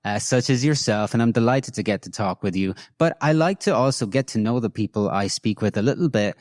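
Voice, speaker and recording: A man's voice: lowish voice, expressive, brisk, no room sound, studio quality. A man with a slight Irish accent, raised in Ireland, hosting a chatty interview at an industry summit. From born in Italy, raised in Ireland. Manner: chatty, warm-up questions with fillers. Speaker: interview host. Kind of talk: conversational interview.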